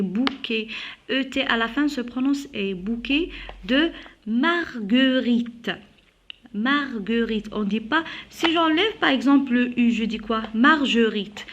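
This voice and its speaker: A woman leads a phonics lesson in a rather high voice. She stretches words out very slowly and repeats them for pupils to follow. The recording is muffled and lo-fi. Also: a bit bright. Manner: slow, drawn-out modeling of words, repeated twice. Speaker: primary school teacher. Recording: dull lo-fi video audio.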